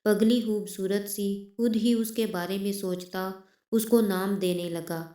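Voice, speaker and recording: A woman storyteller reading a scripted story in a steady, emotive manner. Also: medium pitch, a little slow, roomy sound.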